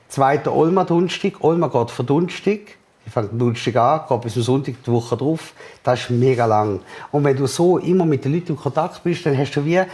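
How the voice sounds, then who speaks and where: A man with a Swiss German accent, an entrepreneur in an interview, telling a story with energy and acting out the dialogue. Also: on the high side. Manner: lively, acts out the other people's lines in quoted dialogue.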